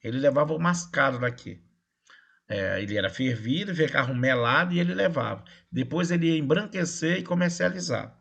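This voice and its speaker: A man teaching history over a video call, his voice pitched a little high for a man. He talks in a relaxed, chatty way and keeps checking that his students follow. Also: brisk, vocal fry. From Brazil. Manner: casual, checks in with "tá?" and "né?". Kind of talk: online class lecture.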